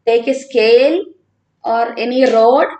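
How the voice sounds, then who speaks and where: A woman's voice: on the high side, slow, darkish tone, lo-fi sound. A woman from Kerala with a South Indian accent, teaching informally on a live stream and talking conversationally as she answers students. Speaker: online physics teacher.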